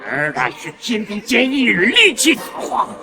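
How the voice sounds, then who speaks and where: An actor playing a menacing, mocking demon-lord villain in a fantasy drama, theatrically swinging between hiss and roar. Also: male voice, high-pitched, wildly swooping pitch, normal speed, a loud crowd, heavily acted. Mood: contemptuous. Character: gloating, raging male demon-lord villain, half-step heavenly demon. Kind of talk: Chinese fantasy short-drama acting.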